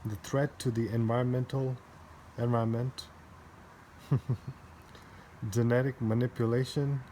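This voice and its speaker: A man reading a book aloud slowly, pausing often, rereading lines and adding his own offhand commentary. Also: mid-range voice, flat delivery, warm tone. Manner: slow, halting reading, rereads lines, laughs to himself. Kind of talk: casual read-aloud with commentary. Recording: faint background noise.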